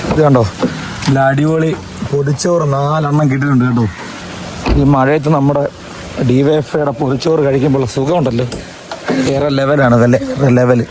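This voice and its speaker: A man chats casually as a family vlogger, excitable, repeating words in quick bursts and dropping in English words. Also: medium pitch. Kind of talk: casual vlog chat to camera. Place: in and beside a parked car in rain. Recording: noisy outdoor and in-car phone recording. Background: vehicle and urban outdoor noise.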